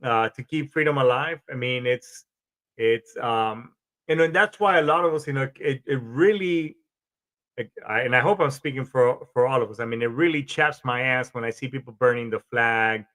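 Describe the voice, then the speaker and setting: Man from colombia, veteran podcast host, rambling, casual cursing, mid pitch. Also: moderate pace, fairly bright tone. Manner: rambling, frequent restarts, casual swearing.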